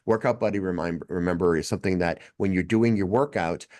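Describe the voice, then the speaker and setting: Male podcast co-host, low-pitched, easygoing explainer, lots of "um" and "you know". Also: a little fast. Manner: relaxed explaining, frequent fillers and restarts. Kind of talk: casual tech chat.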